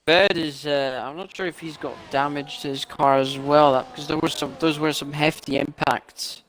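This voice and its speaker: A man's voice: on the high side, steady tone, normal speed, a bit bright, a little hiss or hum. A man co-commentating a sim race, analytical and a little puzzled as he checks replays. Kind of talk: live sim racing commentary.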